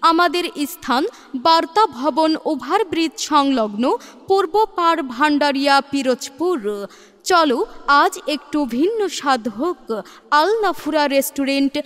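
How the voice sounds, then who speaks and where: A woman reads a lively promotional announcement over a loudspeaker, listing the offerings in a sales pitch. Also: normal speed, long reverb tail. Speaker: advertisement announcer.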